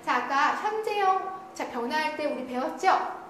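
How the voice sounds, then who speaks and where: Female grammar teacher with a high voice and a heavy room echo who asks and answers her own questions. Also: expressive, a little slow, a bit bright. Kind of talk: online grammar lecture. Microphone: studio lecture recording. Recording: very echoey room with faint noise.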